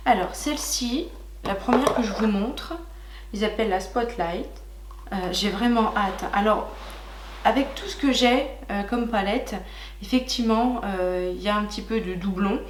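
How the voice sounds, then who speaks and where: A young woman chats to her viewers as she unboxes makeup, gushing and pausing often. Her voice sits at a middle pitch. The room around her is echoey, with a faint hiss underneath. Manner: chatty and gushing, many fillers, talks to viewers as "licornes". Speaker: beauty vlogger. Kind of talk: casual makeup haul chat.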